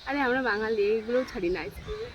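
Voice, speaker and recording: A young woman talks to her viewers as she walks through sunny streets. Her voice sits high and chatty, and she keeps turning to the camera. The phone recording is noisy, with traffic and street sounds behind her. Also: big pitch swings, racing, muffled recording. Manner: chatty, addressing viewers directly. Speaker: vlogger. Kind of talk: casual outdoor vlog chat.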